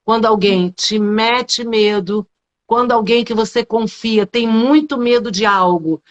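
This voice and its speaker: A woman's voice: a little high, measured pace, muffled recording. Brazilian woman posing rhetorical questions. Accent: Brazilian Portuguese. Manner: rhetorical questions, frequent tag questions. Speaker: public speaking coach, guest. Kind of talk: explanatory talk in a live interview.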